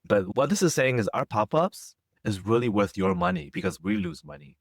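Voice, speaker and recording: A young man co-hosts a podcast in casual, matter-of-fact chat, slipping in teasing remarks. His pitch moves freely over a gravelly texture, and his voice sounds close and dry. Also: sing-song, normal speed, no echo. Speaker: podcast co-host.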